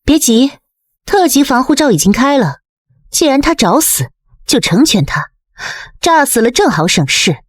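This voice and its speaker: A woman's voice: high-pitched, big pitch swings, normal speed, dry recording, studio quality. A woman voicing a proud, scheming young academy elite with a haughty, spiteful manner in a motion comic.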